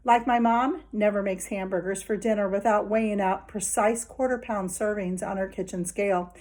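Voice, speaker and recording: A woman's voice: mid-range voice, steady tone, normal speed, a little mellow. A woman reading a children's novel aloud in a friendly, conversational way, talking straight to young listeners. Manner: conversational first-person storytelling. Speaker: children's book reader.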